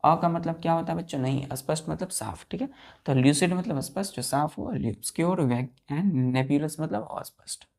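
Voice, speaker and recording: In a low-pitched, gravelly and slightly mellow voice at normal speed, a woman teaches vocabulary. She spells words letter by letter, counts the letters aloud, and repeatedly asks her students questions.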